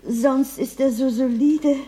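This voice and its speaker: A woman's voice: sits high, steady tone, takes it slowly, dark tone, breathy edge, full character voice. An actress playing a nervous, fussy old landlady in a classic radio play. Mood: fretful. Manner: fretful, exclaiming.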